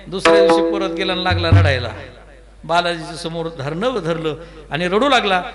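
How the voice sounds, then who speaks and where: High-voiced man preaching with music. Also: fairly quick. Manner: lively storyteller who breaks into chanted verses. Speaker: kirtan preacher. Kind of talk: devotional sermon with humorous storytelling.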